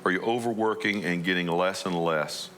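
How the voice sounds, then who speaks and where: A man's voice: low-pitched, normal speed, a bit bright, a little hiss or hum. A man preaching a conversational sermon as a pastor, asking his listeners many questions.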